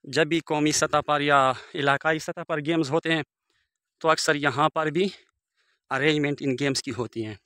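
Walking outdoors across open riverbed countryside, this village vlogger in his forties gives tour commentary into a handheld phone camera, formal and devout, with Arabic blessings. His fairly high voice is steady, pushed and bright, moving at a moderate pace. The recording is dry and sounds like a clean studio.

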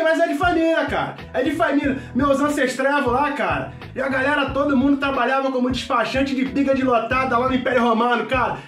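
An actor playing a loud, brash middle-aged mechanic with a Carioca accent, who shouts, swears constantly and rambles in a comedy sketch. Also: male voice, very high-pitched. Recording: echoey room, distant mic, faint music.

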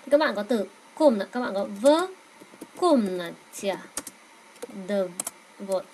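A woman with Vietnamese as her first language teaching a Russian grammar lesson, saying words slowly and repeating them so learners can echo. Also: mid-range voice, expressive, a little mellow, slight background noise.

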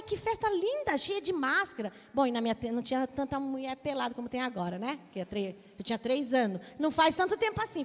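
A woman in her forties with a Brazilian accent, preaching a sermon to her congregation and telling a personal story in an animated, direct way. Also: high-pitched. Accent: Brazilian Portuguese. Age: 40s. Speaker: pastor. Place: church hall. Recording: long hall reverb.

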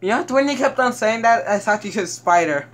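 A young man chatting and laughing excitedly while playing a video game with a friend. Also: high voice, fairly quick. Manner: giggly, excitable, squeals on surprises. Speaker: gamer. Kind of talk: casual gameplay chat.

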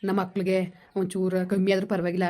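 A man's voice: sits high, completely flat delivery, a little fast, darkish tone. A man, talking with his wife in a casual family chat, earnest and lamenting. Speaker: husband in a family vlog. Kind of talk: casual heartfelt family talk.

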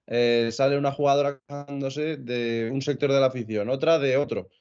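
A man's voice: mid-range voice, fairly even intonation, normal speed, darkish tone, clean tone. A man on a sports panel, arguing heatedly and swearing freely. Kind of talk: casual sports talk show. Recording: dull lo-fi video call audio.

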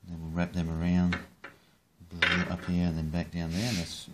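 Heavy background noise surrounds a deep, monotone male voice speaking at a moderate pace. The speaker, an Australian hobbyist rod builder, rambles casually in his home kitchen during a how-to video, swearing freely and joking while showing his work.

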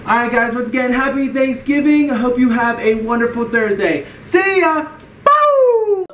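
A man's voice: extremely high pitch, fairly even intonation, fairly quick, a little hiss or hum. A young man hosting a casual vlog, giggly and teasing, heard from a distant camera mic in a roomy space. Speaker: YouTube host.

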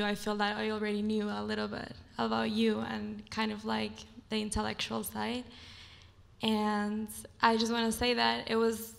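A woman's voice: on the high side, gravelly, fairly bright tone. A woman from Ecuador, an audience member asking a long, earnest question full of hesitations. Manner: earnest, hesitant, many "you know" and "like". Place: large auditorium audience. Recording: hall reverb in a large auditorium.

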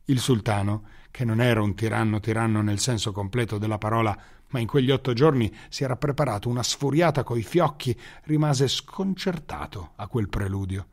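A man reading a children's story aloud in a lively, theatrical storytelling manner. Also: lowish voice, normal speed, hardly any pauses. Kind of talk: scripted story narration. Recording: music bed under narration.

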